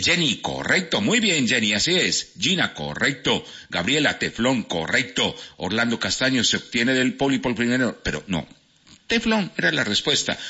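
A man hosting a radio quiz, rattling off listener answers with quick verdicts in casual banter. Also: fairly low pitch, pushed and bright, breathy edge. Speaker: radio host. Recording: dull lo-fi radio broadcast.

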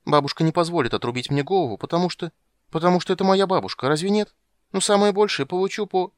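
A man reading an audiobook, voicing a stubborn, chatty little princess in a raised, excited voice. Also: sits high, no room sound, studio quality, voice pushed up, close to an everyday voice. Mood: excited, insistent. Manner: pleading, fast excited chatter.

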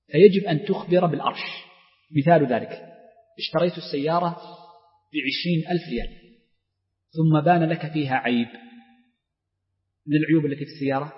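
A middle-aged man with a Saudi accent, teaching a jurisprudence class and explaining step by step while quizzing his students. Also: fairly high pitch. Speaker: Islamic law teacher. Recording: dull reverberant lecture hall recording.

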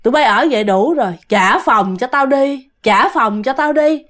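A rumbling ghost man from a spoken ghost story, played by a woman storyteller. He is threatening and repeats his demands over and over. The voice stays fairly high, close to the teller's own. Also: normal speed, fairly bright tone. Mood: menacing. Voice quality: rumbling deep voice.

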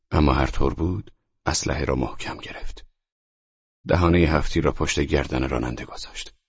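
A man narrating an audiobook in a measured, tense storytelling voice that sometimes drops to a whisper. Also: a bass voice, slightly rough, no room sound, muffled recording. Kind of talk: scripted narration.

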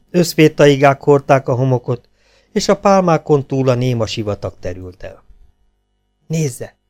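A man's voice: medium pitch, warm tone. A man reading an adventure novel aloud as an audiobook, raising his voice for the dialogue. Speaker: audiobook reader.

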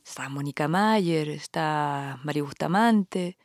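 A woman from Chile, a guest on an interview podcast, talking thoughtfully with frequent pauses and tag questions. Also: sits low, dry recording, studio quality. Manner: thoughtful, pauses often and tags phrases with questions. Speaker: guest artist and researcher.

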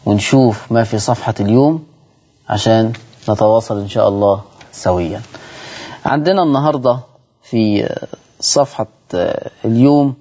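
A man's voice: mid-range voice, a little mellow, slightly rough. Egyptian male Quran teacher, dull lo-fi audio. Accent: Egyptian Arabic. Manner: explains step by step, repeats points, asks viewers rhetorical questions. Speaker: Quran recitation teacher and show host. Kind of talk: televised Quran recitation lesson.

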